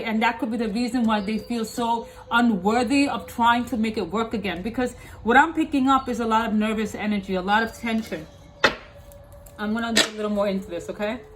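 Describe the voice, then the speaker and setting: Lisping woman reading tarot, higher voice. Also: slight background noise, low-quality recording. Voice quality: slight lisp from wearing clear dental aligners. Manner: emphatic and repetitive, often checking in with "okay?". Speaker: tarot reader, host. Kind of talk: tarot reading addressed to viewers.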